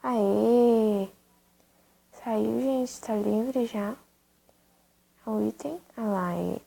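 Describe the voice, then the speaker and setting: A woman's voice: fairly high pitch, extremely slow, vocal fry, dark tone. A young woman chatting casually as she plays a video game, talking to viewers and cooing at a dog in the game. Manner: chatty, talks to her game dog in baby talk. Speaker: gaming youtuber.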